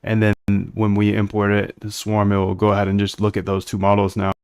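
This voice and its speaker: A man's voice: on the low side, completely flat delivery, brisk, a little hiss or hum. A man casually talking through his live coding stream, thinking aloud and answering chat bluntly. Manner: blunt, chatty, thinks aloud while working. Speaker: live-streaming developer of trading bots.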